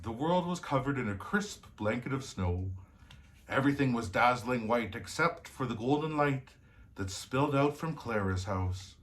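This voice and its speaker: Jolly old Santa played by a man hosting storytime for children; slow, hearty, theatrical read at medium pitch. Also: close to an everyday voice. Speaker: storyteller host. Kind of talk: cheerful children's storybook reading.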